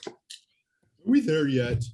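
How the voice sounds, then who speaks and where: A man's voice: a little high, sing-song, takes it slowly, dark tone. A man playing a big, dim, whiny henchman with a petulant, bullying manner in a sci-fi comedy spoof.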